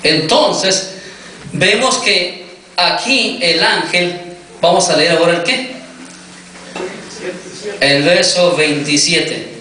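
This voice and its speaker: Male pastor, measured sermon delivery, bright tone, quizzes the congregation, distant echoey hall recording. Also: a little high. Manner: questions the congregation, repeats "me entiendes".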